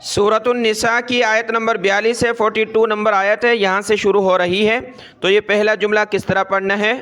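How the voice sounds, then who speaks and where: A man with a Pakistani Urdu accent teaching Quran reading, spelling out words letter by letter and drawing them out slowly between brisker explanations. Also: high-pitched, flat delivery, fairly bright tone.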